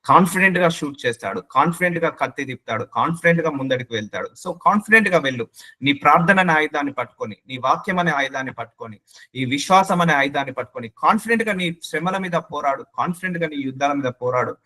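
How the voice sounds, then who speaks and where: A man's voice: fairly high pitch, animated, fast, sharp tone. A male pastor preaching a sermon in a Telugu accent, emphatic and repetitive, mixing in English words.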